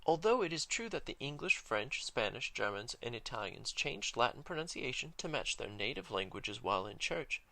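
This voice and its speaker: A man with a low, gravelly voice explains Latin in a video lesson. He speaks in a measured, careful way and slows down to sound out key words. The recording is dry and close, and his tone has a bright edge. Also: big pitch swings, dry recording. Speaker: Latin teacher.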